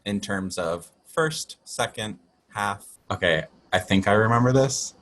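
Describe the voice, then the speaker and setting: A man hosting a casual group chat, playful and quick to laugh. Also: on the low side, heavy background noise. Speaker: host.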